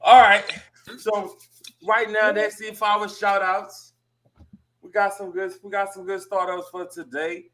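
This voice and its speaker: Chill dj guy reading viewer shout-outs, pretty high voice. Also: little pitch movement, unhurried. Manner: laid-back, reads viewer names. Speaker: DJ and co-host. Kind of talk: casual live-stream chat.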